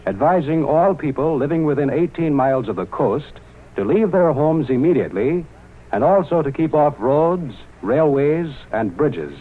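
A man reading a formal wartime radio news bulletin in a measured announcer delivery, with the sound of an old newsreel broadcast. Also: mid-range voice, breathy edge. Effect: old newsreel-style radio broadcast sound. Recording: tinny, narrow-band 1940s radio broadcast.

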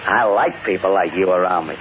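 Actor as a gruff, low-voiced tough guy. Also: a little fast, close to an everyday voice. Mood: relaxed, approving. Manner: blunt, slangy tough talk. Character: gruff, suspicious, slangy tough-guy crook. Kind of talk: old-time radio drama acting. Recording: tinny, noisy old radio recording.

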